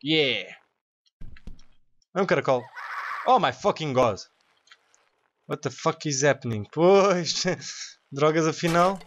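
A young man with a European Portuguese accent, commentating a game excitedly, laughing and swearing often. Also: fairly high pitch, slow pace, long pauses, highs cut off, a little hiss or hum. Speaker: gaming YouTuber. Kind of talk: let's play commentary.

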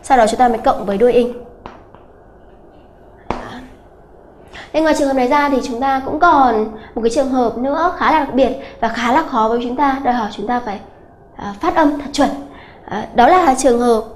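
A woman English teacher giving an exam-prep grammar lesson, explaining slowly and repeating key points with many hesitant fillers. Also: sits high. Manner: slow, repetitive explaining with many filler "à" sounds.

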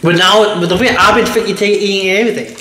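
A man's voice: high-pitched, quick pace, sharp tone. A man chatting casually in a group while eating sour candy. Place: wood-paneled room indoors, around a table. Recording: echoey room, noisy, clicks.

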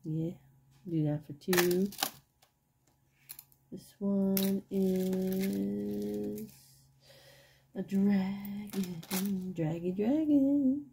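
A middle-aged woman chatting casually and quietly in a tired late-night way, with a husky, fry-laden voice, murmuring and repeating herself as she shows things off. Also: medium pitch, flat delivery, extremely slow, long pauses, a little hiss or hum. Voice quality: croaky, husky voice with vocal fry. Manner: quiet, tired late-night delivery, holding the voice down while others sleep. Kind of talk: casual chat, unscripted show-and-tell. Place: indoors at home, over a wooden table.

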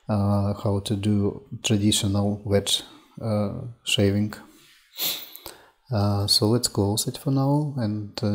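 Fairly low in pitch and flat in tone, this male demo presenter guides viewers through software in a screen-recorded tutorial. His pace is slow and stepwise, and he says "uh" and "um" a lot.

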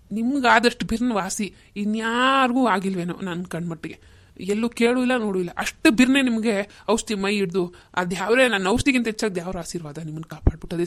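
A woman's voice: mid-range voice, lightly acted. A woman voicing a kindly, humble male village healer in a cartoon, earnest and respectful. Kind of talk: cartoon voice acting.

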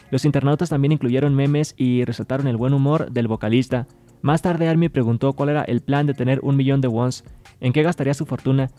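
A man's voice: mid-range voice, dark tone, no echo. A man reading entertainment news as a scripted voice-over, adding brief personal asides. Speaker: news presenter.

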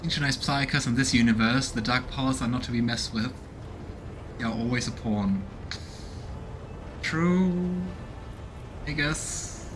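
A man in his thirties provides casual let's play commentary, reading the game's text aloud as he plays, with game music behind him. His medium-pitched voice is a little slow, with long pauses, and the background is noisy. He's recording in a small room at home.

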